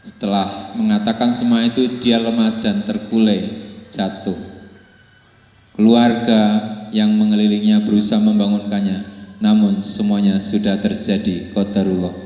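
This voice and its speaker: A man preaching a sermon and telling a moral story, rising to high, emotional pleading tones. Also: flat delivery, normal speed, darkish tone. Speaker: Islamic preacher. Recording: echoey hall with long reverb.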